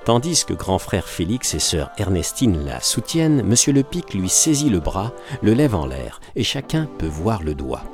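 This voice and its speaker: Lively deep-voiced male storyteller. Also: normal speed, few pauses, soft background music. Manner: lively, acted-out narration. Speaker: audiobook reader. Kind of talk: expressive literary reading.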